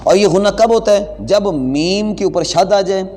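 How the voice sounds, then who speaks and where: A man teaching an online lesson, patiently explaining pronunciation and reciting slowly and deliberately. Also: high voice, darkish tone. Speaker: religious teacher. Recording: long hall reverb.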